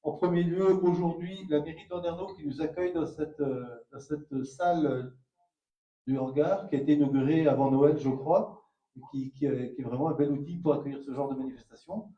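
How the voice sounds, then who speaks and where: A man thanking sponsors at an event, halting and repeating words. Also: on the high side, fairly even intonation. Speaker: co-president of the tournament. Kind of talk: thank-you speech. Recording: dull, echoey hall from far off.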